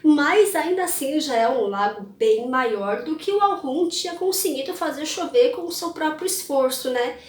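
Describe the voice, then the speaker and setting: A woman's voice: high voice, lively intonation, moderate pace, few pauses. A woman telling an old legend in a chatty, casual way, often checking in with the listener. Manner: chatty, adds tag questions. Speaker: storyteller of a culture channel. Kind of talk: casual myth storytelling. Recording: roomy, mic at a distance.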